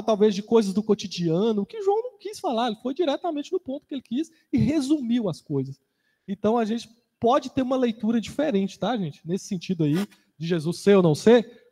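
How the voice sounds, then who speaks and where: Mellow high-voiced Brazilian man in reverberant hall. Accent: Brazilian Portuguese. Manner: relaxed, conversational, personal anecdotes. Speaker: Bible class co-teacher. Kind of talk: casual Bible class talk.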